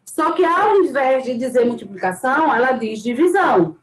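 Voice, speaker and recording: A woman's voice: high-pitched, lively intonation, normal speed, roomy sound, rough recording. A woman teaching a math lesson to students, patiently repeating each key point and stressing it. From Brazil.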